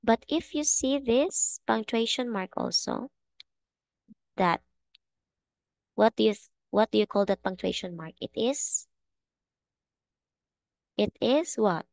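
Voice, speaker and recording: A woman's voice: on the high side, animated, slow, gravelly, pauses often, darkish tone, dry recording. A woman teaching an online English class, speaking patiently and checking often that her students understand.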